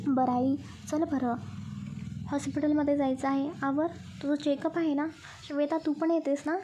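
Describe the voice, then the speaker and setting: A woman narrator voices a calm young woman with a high, mellow voice who speaks with gentle patience. It suits a storybook reading. The manner stays soft and steady. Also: normal speed, slight background noise, close to an everyday voice. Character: calm caring young woman, eldest daughter.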